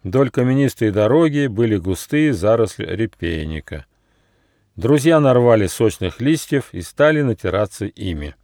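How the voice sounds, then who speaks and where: A man, the author, reading his own children's fairy tale aloud in an expressive storytelling manner. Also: on the low side, normal speed, no room sound, studio quality. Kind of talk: audiobook fairy-tale narration. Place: studio.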